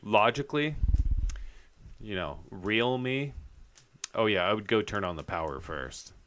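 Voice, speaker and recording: A man talks his viewers through a horror game, joking in an easygoing way. His voice is low but swings widely in pitch, and he speaks slowly. Game music plays behind him. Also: lively intonation, a bit bright, slight background noise. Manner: laid-back, joking, chatting with viewers. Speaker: streamer. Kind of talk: live game commentary.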